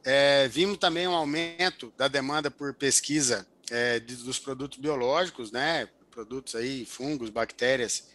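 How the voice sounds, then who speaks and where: Using a headset on a video call from his home office, an older agricultural researcher explains his work, often filling and restarting his sentences. He speaks a little slowly with few pauses, his mid-range voice bright and forceful.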